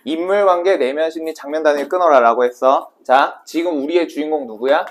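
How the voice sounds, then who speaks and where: A man's voice: fairly high pitch, a little hiss or hum. A male Korean literature teacher giving a casual exam prep lecture, quizzing his students and then answering his own questions. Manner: brisk and casual, asking students questions and answering them himself.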